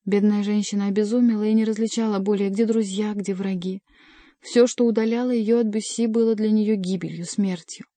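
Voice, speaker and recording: A woman narrating an adventure novel as an audiobook reader, in an even, measured storytelling manner. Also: medium pitch, no room sound. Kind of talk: scripted narration.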